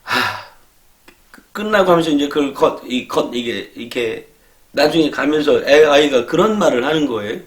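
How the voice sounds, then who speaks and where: A man lecturer telling a casual story, acting out scolding students with quick laughs. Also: a little high, reverberant. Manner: animated, acts out exasperated scolding of students with laughs. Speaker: education lecturer.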